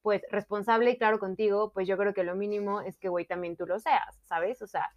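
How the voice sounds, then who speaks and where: A woman's voice: medium pitch, fairly even intonation, brisk, lo-fi sound. Young Mexican woman summing things up. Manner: reflective, sums up points with slang and fillers. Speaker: podcast co-host. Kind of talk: casual chat.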